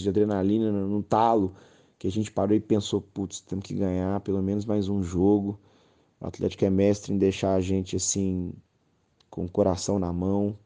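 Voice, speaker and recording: A man's voice: low voice, mellow. A Brazilian man talking reflectively and casually as a guest on a podcast.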